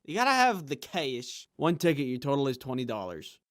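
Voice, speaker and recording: A man's voice: mid-range voice, sing-song, fairly quick, no room sound, studio quality. A man doing comedic vlog talk to camera, jokey and self-mocking. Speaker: YouTuber.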